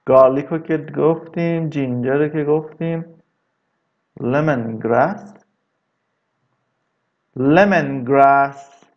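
A man teaching English vocabulary in a casual lesson, drawing words out slowly and adding chatty asides. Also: fairly high pitch, highs cut off. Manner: slow, drawn-out repetition of words, chatty asides.

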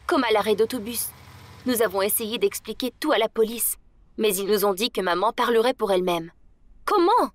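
A woman's voice: medium pitch, no room sound. Woman telling a dramatic story. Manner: dramatic, emotional delivery that rises in tense moments. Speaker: storyteller narrating in first person. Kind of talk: scripted story narration.

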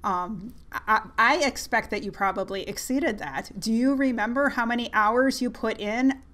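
A woman interviewing a young project leader, asking long, measured questions. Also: fairly high pitch, fairly bright tone.

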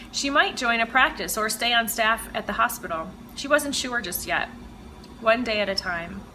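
Bright-voiced woman reading her novel. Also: on the high side, slight background noise, low-quality recording. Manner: measured, expressive storytelling. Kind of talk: audiobook-style reading of fiction.

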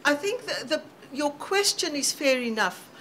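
A woman with a high voice answers questions at a roundtable in a measured, thoughtful way. A faint background hiss sits under her voice. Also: sing-song, fairly bright tone. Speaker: panelist.

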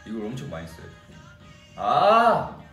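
A man's voice: lowish voice, animated, normal speed, faint music behind. A young man from Korea's Jeolla region, chatting casually with fans on a livestream and answering their comments. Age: young adult. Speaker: idol singer hosting a fan livestream. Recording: echoey room, distant mic.

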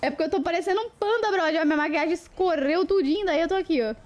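Woman, high voice, young adult, playful live streamer, casual chat, soft background music. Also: fast talker. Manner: chatty, playful, greets viewers by name. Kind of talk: casual livestream chat with viewers.

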